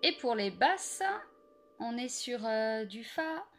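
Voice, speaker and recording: A young woman explaining singing basics in a casual, hesitant way, full of pauses and fillers. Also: on the high side, animated, faint music behind. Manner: hesitant, many fillers and restarts. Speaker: singing teacher. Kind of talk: casual spoken singing tips.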